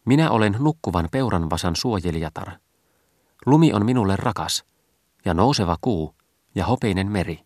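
A man's voice: low voice, animated, darkish tone, no room sound, clean studio sound. A man voicing Purity, a pale, coaxing maiden figure in a storybook reading, solemn and pleading. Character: Purity, cold pale virgin woman, coaxing.

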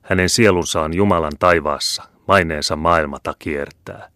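A man's voice: low-pitched, pushed and bright, no room sound, studio quality. A man reading the part of an aging, proud and irritable imprisoned scholar with grandiose outbursts. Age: older.

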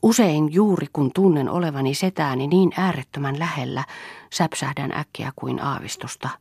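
An earnest, yearning young woman speaking softly with a slightly lifted, husky voice, as a woman narrator reads her in a storybook reading. the voice has a gravelly edge and sits close and dry. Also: low-pitched, no echo. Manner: soft, earnest, slightly raised voice.

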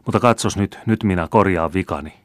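A man's voice: no echo, clean studio sound, natural voice. A man voicing a half-mad, superstitious old peasant woman who talks eagerly and in a rush. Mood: excited. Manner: eager, shrill, gushing.

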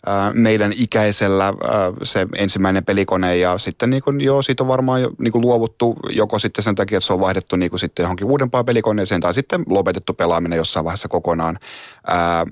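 Very low-voiced hesitant man. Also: no echo, studio quality. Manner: hesitant, many fillers and restarts. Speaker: game collector guest. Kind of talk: casual conversation.

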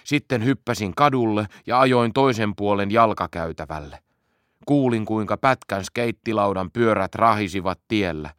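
A man calmly reading a children's story aloud as audiobook narration. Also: lowish voice, smooth, no room sound, studio quality. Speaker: audiobook reader.

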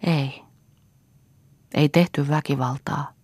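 A woman's voice: low voice, steady tone, a little mellow, husky, no room sound. A woman reading an audiobook and voicing a timid, frightened young peasant wife who pleads anxiously. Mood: pleading.

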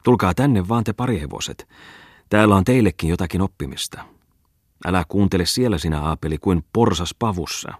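A man's voice: low-pitched, dry recording, studio quality. A man voicing a gleeful, mocking male schoolmaster who lectures a crowd in a raised, sneering tone, read from a storybook. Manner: sneering, preachy speechmaking.

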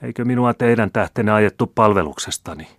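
A man's voice: fairly low pitch, dry recording, clean studio sound, voice pushed up, lightly acted. A man reading as a bitter wounded Spaniard. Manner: muttering and bitter.

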